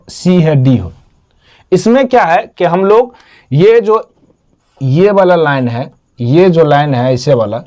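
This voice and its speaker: High-voiced man quizzing his class. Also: a little mellow. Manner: repetitive, quizzes himself with questions and answers. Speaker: math teacher. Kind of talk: whiteboard math lesson.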